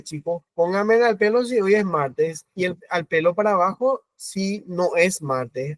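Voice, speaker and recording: A man with a Paraguayan accent teaching an online class, explaining slowly, repeating points and asking questions. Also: high-pitched, dry recording. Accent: Paraguayan Spanish. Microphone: video call.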